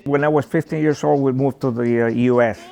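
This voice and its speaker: Gravelly old man. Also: medium pitch, steady tone, a little fast, dark tone, faint music behind. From Ecuador. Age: 80s. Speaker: interviewee. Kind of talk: reminiscing interview.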